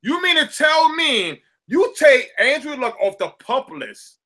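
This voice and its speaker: A man's voice: very high-pitched, sing-song, unhurried, pushed and bright. A man co-hosting a casual sports podcast with a Southern US accent, ranting animatedly and repeating words as he builds up. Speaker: sports talk co-host.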